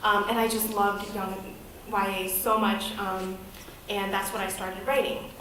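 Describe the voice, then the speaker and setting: A woman's voice: medium pitch, flat delivery, a little slow, a bit bright, far from the mic, a little hiss or hum. Woman speaking candidly in an echoey hall. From United States, grew up in Boston. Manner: candid, conversational storytelling. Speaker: guest presenter, writer. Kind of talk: personal talk to an audience. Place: event hall, speaking at a podium.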